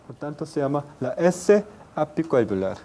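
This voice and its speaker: A man's voice: on the high side, big pitch swings, moderate pace, mellow, a little hiss or hum. A man lecturing a university class, demonstrating pronunciations and repeating words for students. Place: lecture room.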